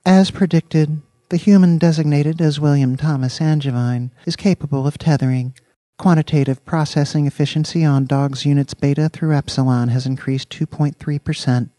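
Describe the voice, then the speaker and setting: A man voicing a calm female computer AI that speaks in precise, formal machine diction. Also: a little high, moderate pace, no echo, pitched above the performer's own voice, lightly acted.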